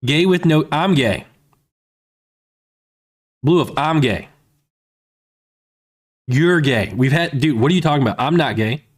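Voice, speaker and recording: Chatting loosely with his stream audience, this thirtysomething streamer reads through chat, leaning on fillers like "man" and "you know." He has a fairly high, expressive voice, speaks at a measured pace, and leaves long pauses.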